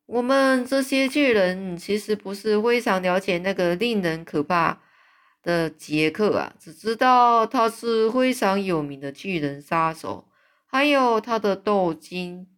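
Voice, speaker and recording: A woman voicing a big, kind, friendly male giant who speaks softly and slowly in a storybook read-aloud. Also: mid-range voice, animated, lightly acted. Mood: hushed calm. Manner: soft, slow, hushed.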